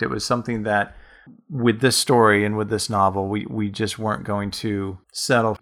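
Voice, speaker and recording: Bright-toned low male podcast author. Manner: long rambling reflective storytelling. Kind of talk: casual podcast conversation.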